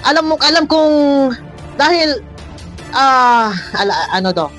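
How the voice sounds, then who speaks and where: A woman's voice: sits high, big pitch swings, measured pace, a bit bright, soft background music. A woman vlogger giving mocking, scolding reaction commentary, laughing often as she talks.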